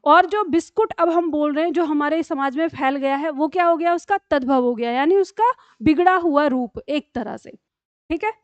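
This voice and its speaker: A woman's voice: high-pitched, normal speed, dry recording. A woman teaching a grammar class, explaining patiently and checking often that her students follow. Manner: explains patiently with many checks like "theek hai?". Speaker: Hindi teacher. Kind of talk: classroom lesson. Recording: dull lo-fi dry sound.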